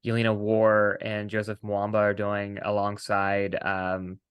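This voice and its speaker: A man's voice: fairly low pitch, completely flat delivery, measured pace, clear, resonant tone. A man hosting a casual interview podcast, laughing often and talking in a slightly rambling way with restarts. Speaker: podcast host.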